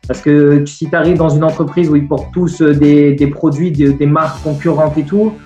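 A man chats easily on a video call, with a slightly high voice. His words carry a roomy echo, and he pauses often to find the next phrase. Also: fairly even intonation, mellow, highs cut off, faint music behind. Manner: easygoing, hesitant with fillers. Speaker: show regular. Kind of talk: casual chat over video call.

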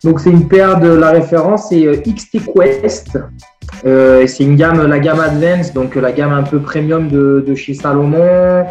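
A man chats easily on a video call, with a slightly high voice. His words carry a roomy echo, and he pauses often to find the next phrase. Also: steady tone, darkish tone, dull audio, faint music behind. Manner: easygoing, hesitant with fillers. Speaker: show regular. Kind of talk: casual chat over video call.

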